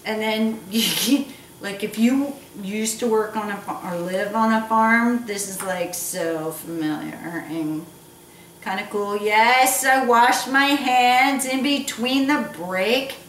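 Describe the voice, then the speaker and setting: This cooking show host keeps her casual lesson light, cracking jokes and tossing in teasing remarks. She talks slowly at a medium pitch with a fairly bright tone, recorded from a distance in an echoey, noisy room.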